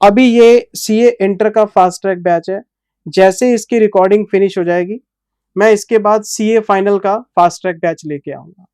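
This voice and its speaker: A man teaching accounting who explains his course to students. He speaks slowly and patiently, and addresses them in a fatherly way. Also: sits high, steady tone, darkish tone, clean tone, no room sound, studio quality. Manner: deliberately slow, patient delivery; fatherly, calls students "son".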